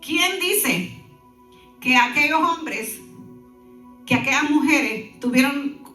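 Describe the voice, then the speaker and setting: A woman pastor giving an animated sermon, breaking in with lively asides to the congregation. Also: high-pitched, slow, reverberant, recorded from a distance, faint music behind.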